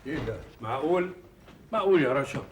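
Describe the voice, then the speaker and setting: A man's voice: medium pitch, lively intonation, quick pace, close to an everyday voice. An older man playing a fussy grandfather of a wealthy household, speaking Egyptian Arabic in a stage comedy. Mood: bossy. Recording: noisy old archive TV recording.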